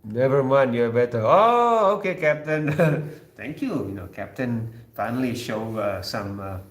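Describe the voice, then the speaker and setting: Speaking in a mid-range voice with lively intonation and a measured pace, a Sundanese-speaking man with an Indonesian accent chats casually with viewers as host of a live stream. He jokes, teases, and fills his talk with fillers and restarts, and the room sounds echoey.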